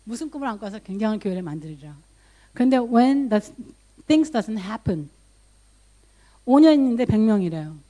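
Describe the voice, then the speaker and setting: A woman pastor preaches in a relaxed, story-driven manner, mixing English loanwords into her talk. Her voice sits a little high for a woman, and she lifts it further when she voices her own prayers. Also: moderate pace, long pauses. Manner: conversational storytelling, voice rising for quoted prayers; mixes English loanwords into speech. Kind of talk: sermon.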